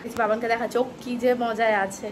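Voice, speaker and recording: A woman's voice: fairly high pitch, flat delivery, fast. A young woman, chatting casually as she vlogs a road trip from a car and the roadside. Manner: chatty and self-correcting, hushed at times. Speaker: vlogger. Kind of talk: casual travel vlog narration. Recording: loud car and road noise.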